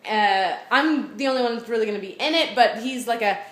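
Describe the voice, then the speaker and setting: A young woman chatting quickly in a casual, unedited vlog from her home, babbling with lots of fillers. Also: a little high, a bit bright. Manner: fast babbling, many fillers. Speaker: vlogger. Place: at home, indoors. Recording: echoey room.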